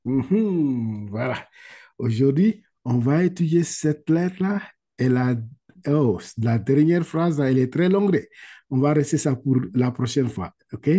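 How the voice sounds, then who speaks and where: In a husky, warm, mid-range voice, a man teaches Quran reading on a video call. He drags out Arabic words slowly for repetition and explains each step with patience, checking in again and again with "ok?"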